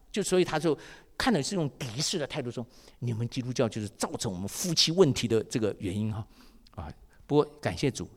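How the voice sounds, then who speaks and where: Male pastor preaching a sermon with lively storytelling; reverberant hall. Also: mid-range voice. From Taiwan. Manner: lively storytelling with acted dialogue.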